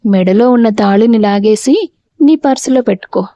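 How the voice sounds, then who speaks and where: A woman's voice: on the high side, moderate pace, mellow, dry recording, lightly acted. A woman voicing a grown son who speaks coldly and pointedly to his mother, in an audio storybook. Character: quiet grown son turning defiant. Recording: dull, dry lo-fi recording.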